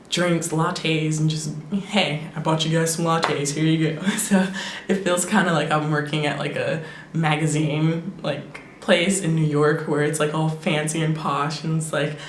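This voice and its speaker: A young woman in her twenties, an English teacher, chatting casually to her camera vlog with lots of fillers and quick laughs. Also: low voice. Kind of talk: casual talking-head vlog. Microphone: camera microphone. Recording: echoey room with faint noise.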